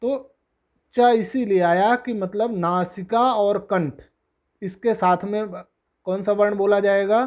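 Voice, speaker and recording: Slow, patient teacher explaining letter sounds. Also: mid-range voice, fairly even intonation, darkish tone. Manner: patient, repeats each letter slowly, asks and answers own questions; adds English glosses for terms. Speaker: Sanskrit teacher. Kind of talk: classroom-style lesson explanation.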